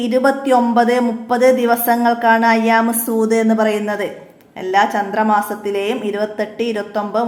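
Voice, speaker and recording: Woman teacher repeating answers, echoey room. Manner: repeats each answer slowly, drops low on reminders. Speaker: madrasa teacher. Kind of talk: exam revision lesson.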